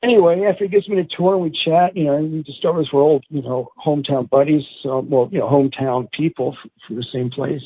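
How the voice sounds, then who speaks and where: Talking fast with few pauses, this middle-aged Atlantic City man has a voice on the high side with a breathy edge. As a podcast guest he animatedly rambles through stories, performing other people's lines, all over a tinny phone connection.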